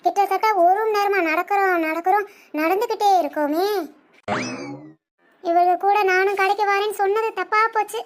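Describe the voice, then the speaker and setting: A woman voicing a sharp-tongued, boastful older aunt in a comedic cartoon, scolding and quick with insults. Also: extremely high pitch, a little hiss or hum. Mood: fretful.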